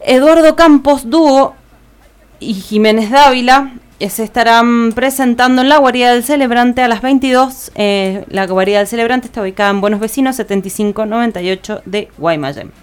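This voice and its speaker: A woman co-hosting community radio reads out the weekly events agenda in an Argentine Spanish accent, stumbling into "eh" fillers and correcting herself often. Her voice sits on the high side, brisk and clear with a resonant tone, and she's in a radio studio.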